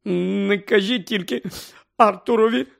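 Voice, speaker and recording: Storybook figure: a man playing a weeping, frightened middle-aged witch mother, shrill and breaking. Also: slow, creaky, exaggerated voice. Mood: sobbing. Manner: sobbing, shrill and pleading.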